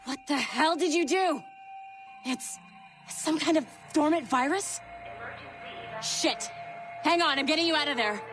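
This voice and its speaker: A woman's voice: sits high, unhurried, long pauses, over music. A woman playing a brash, casual, sarcastic tech contractor in a video game. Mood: alarmed. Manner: sardonic, casual, swearing.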